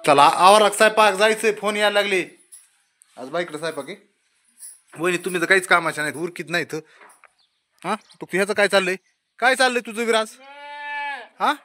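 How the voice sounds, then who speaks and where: A man's voice: sits high, brisk, long pauses, sharp tone. A man, vlogging casually while scolding and coaxing a small child at home. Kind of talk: casual family vlog chatter.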